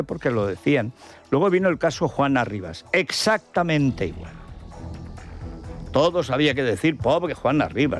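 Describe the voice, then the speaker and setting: Gravelly spanish guy ranting on the radio, voice swings way up and down, faint music under it. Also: medium pitch. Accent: Spain Spanish. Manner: scornful, combative, rhetorical questions. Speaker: radio host. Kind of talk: opinion monologue.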